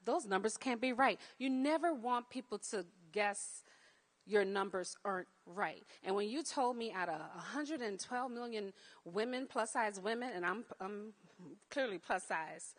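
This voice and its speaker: A woman giving blunt, frank critique of a pitch, speaking plainly and candidly. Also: unhurried.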